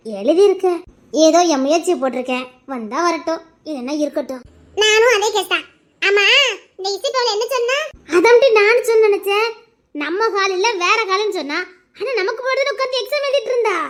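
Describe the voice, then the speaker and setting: A woman voicing a group of teenage schoolgirls bickering and teasing after an exam in an audio drama. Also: extremely high pitch. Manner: bickering, teasing, quick back-and-forth.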